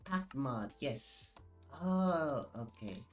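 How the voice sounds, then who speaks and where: Playing a video game on a live stream, a man sniffly from allergies talks into his desk mic at a slow, loose pace with lively intonation. Faint game music hums underneath while he rambles chattily, leaning on "like" and restarting his thoughts.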